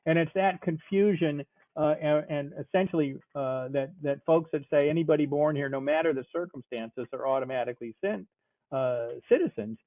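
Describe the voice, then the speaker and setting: A man's voice: fairly high pitch, dry recording. Man lecturing over a tinny call line. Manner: measured, explanatory, with frequent filler pauses. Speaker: speaker, constitutional law scholar. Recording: tinny phone-like call audio.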